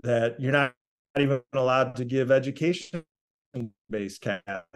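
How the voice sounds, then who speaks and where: A man on a video call laying out legal points in a panel discussion, his audio cutting out over a shaky connection. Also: mid-range voice. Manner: measured, restarts mid-sentence. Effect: audio cutting out over an unstable call connection. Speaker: webinar panelist.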